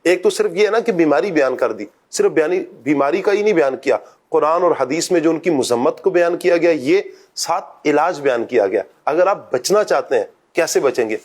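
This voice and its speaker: Higher-voiced man preaching in a discussion. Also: animated, a little mellow. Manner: preachy, asks and answers his own questions. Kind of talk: religious discussion.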